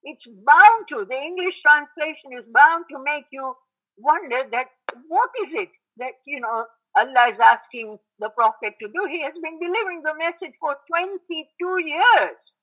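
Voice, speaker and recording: A woman teaching a lecture on religious history. She explains at length, repeats key points for emphasis, and often pauses with fillers and clears her throat. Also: high voice, sharp tone. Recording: dull lo-fi recording.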